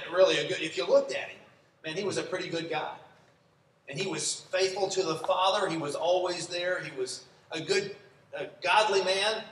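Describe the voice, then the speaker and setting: A man's voice: fairly high pitch, a bit bright, a little hiss or hum. A man preaching a sermon in a church, speaking conversationally and asking the congregation questions. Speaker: pastor. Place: church sanctuary. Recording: echoey church room, from a distance.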